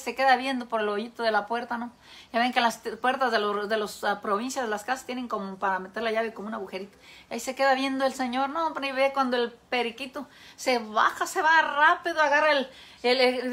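A woman's voice: sits high, sharp tone. A Mexican woman hosting a live cooking show, chatting casually with viewers and telling folksy jokes with a laugh.

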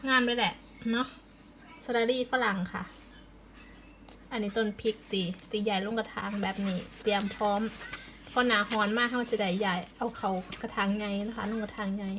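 A woman's voice: mid-range voice, fairly bright tone, a little hiss or hum, poor audio. A woman with an Isan Thai accent chatting in a casual home vlog, explaining plant care step by step. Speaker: vlogger.

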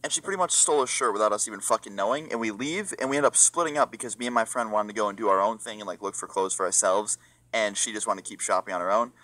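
A young man tears through his storytime at a fast clip. His voice is bright and forceful, full of swearing, and he acts out everyone in the story. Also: lowish voice, dry recording. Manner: profane, excitable, mimics other people. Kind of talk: storytime rant.

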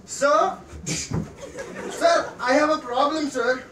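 A man's voice: very high voice, very slow, background noise, full character voice. A man plays a frantic male customer stuck on hold, pleading and anxiously repeating "sir" on a comedy stage. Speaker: skit performer. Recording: distant voice in echoey hall, loud crowd.

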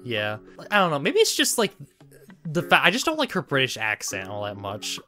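A man in his twenties hosting a casual chat, animated and giggly, acting out little quotes as he talks. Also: medium pitch, moderate pace, faint music behind. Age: 20s. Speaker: podcast host.

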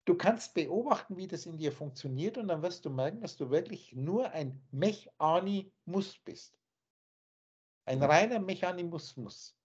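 A spiritual teacher lectures over a video call in an emphatic, scornful manner, his high voice expressive, husky and darkish at a measured pace. The online call audio is dull and lo-fi.

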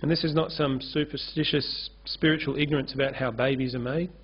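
Husky and fairly quick, with a medium pitch and fairly even intonation, a male pastor gives an earnest sermon at his lectern, gesturing freely. He stands on a curtained church stage, and the lectern-mounted mic produces a dull, lo-fi recording.

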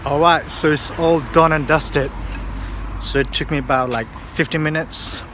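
A man in his thirties talks to a phone held at arm's length, rambling through fillers and restarts. His voice stays flat and even in pitch. Street and car noise comes through clearly behind him. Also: moderate pace. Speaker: vlogger. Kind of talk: casual vlog to camera. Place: outdoors on city streets, partly in a car.

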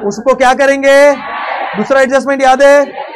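Indian male lecturer, high voice, emphatic, keeps quizzing the class, faint student murmur. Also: level tone, normal speed, shouting, crowd noise, noisy background. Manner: asks the class constant check questions; mixes English phrases into Hindi. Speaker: accounting lecturer. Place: lecture hall with a live class.

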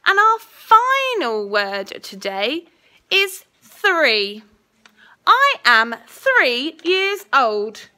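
A young woman, a primary school teacher, giving a school dictation for a spelling test with deliberate enunciation, repeating each word. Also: high voice, huge pitch swings, sharp tone. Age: young adult. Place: small indoor classroom. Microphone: phone at arm's length.

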